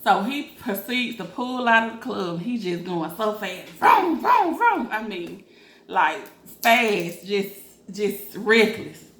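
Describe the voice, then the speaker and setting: A woman's voice: mid-range voice, a little slow, fairly bright tone. Woman telling a casual story, echoey room. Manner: rambling, informal storytelling. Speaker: mukbang vlogger. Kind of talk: casual storytime chat while eating. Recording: roomy echo, faint background noise.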